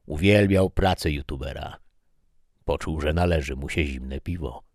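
A man's voice: rumbling low, moderate pace, no echo, clean studio sound. A man reading a short story aloud as narrator, telling it expressively.

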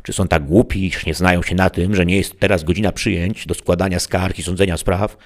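A man voicing a blustering, hungry peasant-governor who grumbles indignantly and loudly. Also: sits low, steady tone, a little fast. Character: blustering hungry peasant-governor Sancho, male, middle-aged.

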